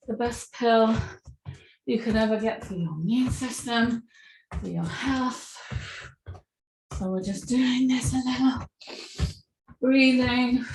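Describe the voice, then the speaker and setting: A woman yoga instructor guiding a movement class with gentle, encouraging cues. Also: a little high, a little hiss or hum. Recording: echoey room.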